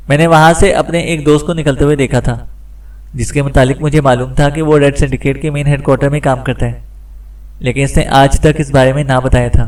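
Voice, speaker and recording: A man's voice: medium pitch, darkish tone, recorded from a distance, lightly acted. A man voicing a frightened, captured male gang section chief in an audiobook, hesitant and stammering.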